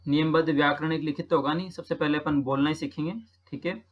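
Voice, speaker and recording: A man's voice: a little high, flat delivery, fast, muffled recording. A man from Rajasthan who teaches, patiently talking through practice exam questions and repeating each answer with frequent check-ins. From Rajasthan, India.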